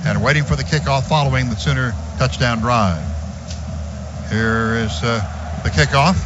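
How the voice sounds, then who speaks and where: Calling a football game live from a stadium radio booth, a play-by-play announcer keeps calm between plays, then his pitch and volume climb sharply when the action breaks. It comes through as a muffled, lo-fi radio broadcast with background noise.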